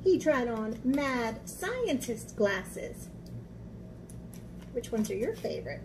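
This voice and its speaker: Speaking slowly and with great animation, a woman with a fairly high voice reads stories and leads crafts for young children. She explains simply and checks in with little questions. The background is noisy, and she works as a children's art teacher and storybook reader.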